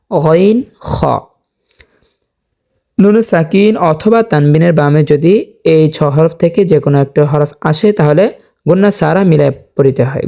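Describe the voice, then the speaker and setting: A man's gravelly, mellow voice teaches Quran reading, letter by letter. He slows to long drawn-out recitation of the verses, then returns to plain explanation and asks his viewers questions he answers himself. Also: a little high. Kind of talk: spelling-out Quran reading lesson.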